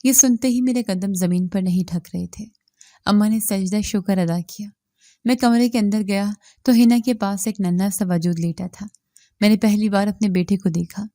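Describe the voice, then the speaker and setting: A woman narrating a moral story in a steady, even reading voice. Her tone is mellow and dark, and the recording is close and dry with no room sound. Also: medium pitch, dry recording.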